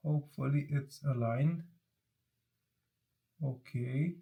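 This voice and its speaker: A man talking at an unhurried, drawn-out pace, his voice stuffy and congested from a cold. He narrates a hands-on PC build in a casual, chatty way, nervously excited. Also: mid-range voice, vocal fry, narrow, tinny audio. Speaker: PC building vlogger.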